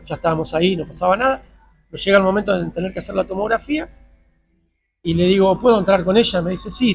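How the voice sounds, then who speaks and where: Argentine man, father telling an emotional story, high gravelly voice, replays the dialogue. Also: darkish tone. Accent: Argentine Spanish. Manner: retells dialogue in quoted voices, tense. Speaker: interviewee, father. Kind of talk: emotional personal account.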